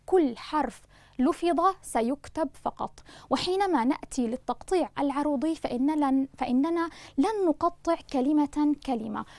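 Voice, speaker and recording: A woman teacher giving a recorded grammar lesson, speaking slowly and deliberately and spelling out sounds for her students. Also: sits high, vocal fry, no echo. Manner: slow, deliberate, spelling out syllables; addresses students warmly as loved ones. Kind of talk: online Arabic lesson.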